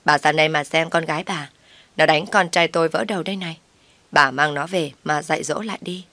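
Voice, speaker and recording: A woman voicing a scheming older mother-in-law who complains and accuses loudly. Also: sits low, fairly even intonation, fairly quick, no echo. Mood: aggrieved.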